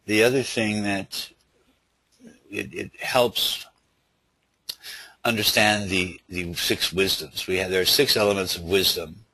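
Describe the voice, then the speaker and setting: A man with a lisp giving an informal spoken teaching in a halting, loosely worded way, as a Buddhist teacher. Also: low-pitched, steady tone, bright, forceful tone, husky, no echo, rough recording. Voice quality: lisp from dental problems.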